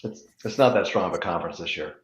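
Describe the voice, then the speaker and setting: A man's voice: sits low, quick pace. A man on a sports talk panel giving hesitant picks that trail off, heard in a roomy, dull lo-fi recording. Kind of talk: casual sports chat.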